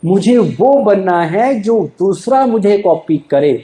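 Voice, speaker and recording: A man's voice: high-pitched, expressive, takes it slowly, warm tone, reverberant, poor audio. A man giving a motivational spiritual talk to a live audience, often asking rhetorical questions and answering them himself. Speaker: spiritual speaker.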